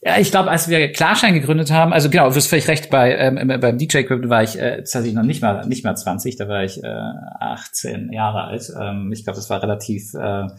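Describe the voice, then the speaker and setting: A man's voice: medium pitch, brisk, creaky, few pauses. A man in his thirties, raised in Berlin, talking about his company in a casual interview, with many hesitations and restarts. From born in Ukraine, raised in Berlin. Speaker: company founder, guest.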